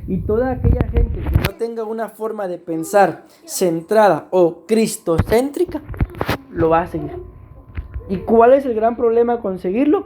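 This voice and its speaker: The noisy background nearly crowds out this pastor, a Costa Rican man whose voice sits high. He preaches a sermon with a Costa Rican accent, repeatedly turning to address his congregation.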